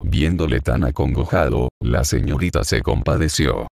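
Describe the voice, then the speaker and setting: Very deep, gravelly man narrating a novel. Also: normal speed, a little mellow, no room sound, clean studio sound. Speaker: audiobook narrator. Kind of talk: scripted narration.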